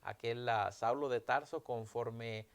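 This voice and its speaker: Male pastor, gravelly mid-range voice, preaching with emphatic swells. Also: mid-range voice, slow pace. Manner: preaching with emphatic rises, retelling scripture dialogue. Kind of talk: sermon.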